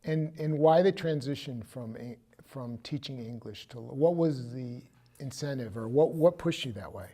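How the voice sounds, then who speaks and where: A man's voice: medium pitch, normal speed, dark tone. A man hosting a local public access interview, asking his guest conversational, prompting questions. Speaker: host.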